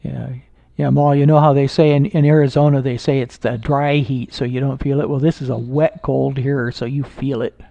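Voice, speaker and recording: Gravelly-voiced man chatting on a live stream. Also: medium pitch, no room sound, muffled recording. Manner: relaxed, halting, with many fillers and restarts. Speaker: amateur astronomer streaming live. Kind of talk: casual live-stream chat with viewers. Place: indoors at home.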